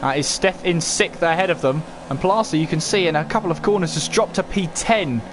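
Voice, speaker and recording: A man's voice: fairly high pitch, a little fast, noisy background. A man commentating live on a motor race as a motorsport commentator, calling it play-by-play and posing questions as he goes. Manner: running play-by-play with rhetorical questions.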